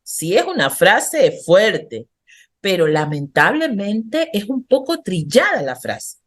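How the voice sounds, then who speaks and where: A woman's voice: medium pitch, sing-song, slow. A woman counselor, a guest on a radio talk show, explaining earnestly and instructively to the host, whom she often addresses by name.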